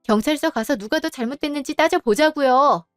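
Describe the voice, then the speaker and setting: A wronged daughter-in-law stands her ground in a polite, measured, firm voice, acted by a woman. The tone is somewhat high and dry, with faint music behind it. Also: no room sound, natural voice. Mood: indignant.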